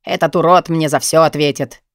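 A woman's voice: deep voice, fairly even intonation, brisk, no echo, studio quality, voice pushed down, natural voice. A woman reading an audiobook, voicing a smug young male student who blackmails with a cold, lazy drawl. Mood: angry. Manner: cold, sneering, lazily drawling.

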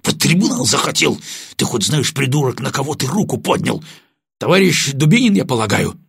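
A man voicing a tense, commanding male counterintelligence lieutenant in an audiobook, with a husky voice. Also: mid-range voice, animated, fairly quick, no room sound, studio quality, voice pushed up, exaggerated voice. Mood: stern. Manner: sharp commands, then polite apologies.

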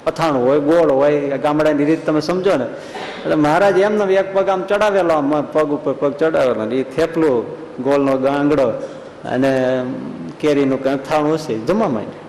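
A swami tells a story in a sermon at a temple school hall, folksy in manner and acting out the voices of the people in it. His voice is fairly high and darkish, at normal speed. The echoey hall gives a long reverb, with a little hiss or hum.

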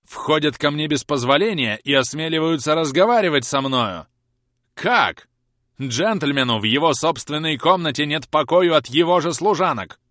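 A man reading an audiobook aloud, voicing a stern, pompous wealthy gentleman who speaks in a cold, commanding tone. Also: mid-range voice, expressive, moderate pace, no echo, clean studio sound, voice pushed up, natural voice. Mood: indignant. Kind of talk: audiobook character voice.

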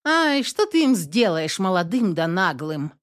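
A woman's voice: fairly low pitch, sing-song, a little slow. A woman voicing an indignant elderly neighbor who scolds and complains.

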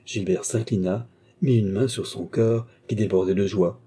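A man narrating a classic novel in a measured storytelling voice. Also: lowish voice, fairly even intonation, dark tone, husky. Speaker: audiobook narrator.

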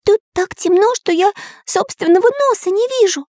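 A woman's voice: extremely high pitch, moderate pace, a little mellow, dry recording, clean studio sound, voice pushed up. A woman voicing a small cheerful boy artist in a storybook reading, with an eager childlike manner. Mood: timid.

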